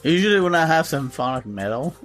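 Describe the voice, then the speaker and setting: A man's voice: a little high, sing-song, brisk, a bit bright, faint music behind. A man co-hosting a podcast, chatting casually in a laid-back, agreeable, loose way. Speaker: podcast co-host. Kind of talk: casual chat.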